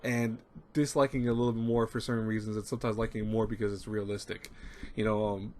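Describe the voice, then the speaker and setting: A man's voice: on the low side, little pitch movement, fast, a little mellow, slight background noise. A man of thirty talking casually to his webcam from a small room at home, rambling and repeating himself with lots of fillers. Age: 30s. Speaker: anime review channel host. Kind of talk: casual talk to camera. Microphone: webcam at desk. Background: people talking nearby.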